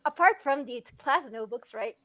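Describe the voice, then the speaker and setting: High-voiced, giggly young woman. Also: expressive, normal speed, fairly bright tone, low-quality recording. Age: 20s. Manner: chatty, laughs often, many restarts and fillers. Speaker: guest filmmaker. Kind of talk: casual podcast interview.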